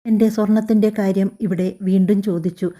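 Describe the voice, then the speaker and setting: Woman voicing a soft young pregnant wife. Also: mid-range voice, steady tone, a little fast, lightly acted. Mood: pleading. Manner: soft, pleading.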